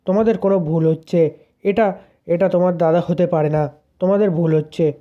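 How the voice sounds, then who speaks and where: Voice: medium pitch, steady tone, a little fast, muffled recording, close to an everyday voice. A narrator reading the lines of a stern, reproachful middle-aged father of the bride. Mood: indignant. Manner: indignant, reproachful.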